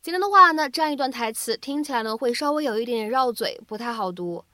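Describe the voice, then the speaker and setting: A woman teacher giving a scripted spoken-English lesson, explaining pronunciation tips clearly and reading English phrases slowly as models. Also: on the high side, expressive, bright, forceful tone, no room sound, studio quality. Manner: clear, measured explanations with filler particles.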